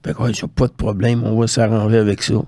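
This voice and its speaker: An older man with a Quebec French accent, a former hockey scout appearing as an interview guest, casually shares career anecdotes, re-enacting conversations in colloquial quoted dialogue. His voice sits on the low side with little pitch movement, warm in tone, and he talks fast. The recording is dry.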